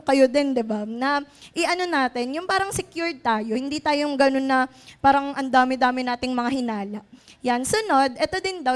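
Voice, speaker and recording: High-voiced young woman giving a chatty youth talk. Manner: chatty, many fillers, frequent "di ba?" asides, laughs often. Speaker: youth conference speaker. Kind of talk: casual Taglish church talk to youth.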